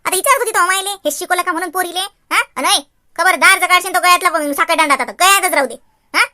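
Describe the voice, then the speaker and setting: A woman voicing a fierce older village mother-in-law in a cartoon, scolding loudly. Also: fast, full character voice. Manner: scolding, shrill and loud. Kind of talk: cartoon voice acting.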